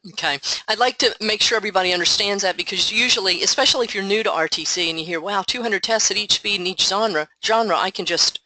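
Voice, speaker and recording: A woman walking a group through software on an online call through her headset. Her voice is bright and bold, and her patient explanations are dry and close. She thinks aloud as she goes. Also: medium pitch, fast, few pauses, no echo, poor audio. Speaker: software trainer. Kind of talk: online meeting walkthrough.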